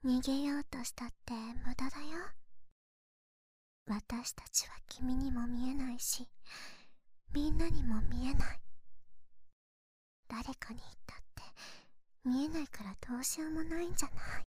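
A woman's voice: high voice, fairly even intonation, a little slow, pauses often, husky, dry recording. A young woman voicing a teasing invisible girl from the future, mocking and whispering close to the ear. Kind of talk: ASMR whispering roleplay. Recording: loud hiss under the voice.

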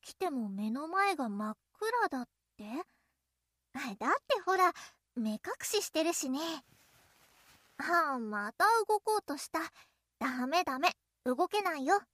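A very high, girlish voice, acted by a woman, close and dry with no room around it. She is a young childhood friend in an audio drama, coy and clingy. Her playful teasing carries a possessive, softly menacing edge. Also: very animated, measured pace, no room sound, exaggerated voice. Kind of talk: Japanese audio role-play addressed to the listener.

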